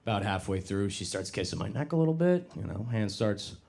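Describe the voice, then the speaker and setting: A young man performing a stand-up comedy set on a club stage, self-deprecating and deadpan, then suddenly loud. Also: on the low side, a little fast, gravelly. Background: audience laughter.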